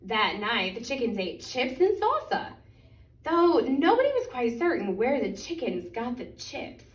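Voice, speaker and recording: Female storytime reader, higher register, expressive and deliberate picture-book delivery, recorded at a distance in a roomy space. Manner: expressive, deliberate, stretching key words. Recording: echoey room, distant microphone.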